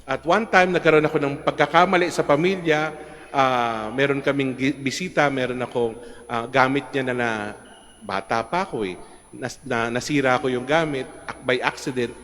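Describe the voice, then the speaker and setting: A middle-aged Filipino priest preaching a homily in a relaxed, conversational way, mixing in English and checking in with the congregation. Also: male voice, on the high side. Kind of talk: sermon. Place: large church. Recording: long church reverb.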